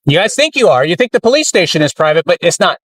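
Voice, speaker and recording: A man's voice: high-pitched, very animated, fast talker, fairly bright tone, no echo, distant mic. A man filming police outdoors, taunting and arguing with them. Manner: taunting, combative, sarcastic. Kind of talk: confrontational street argument. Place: outdoors on a street. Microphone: handheld camera.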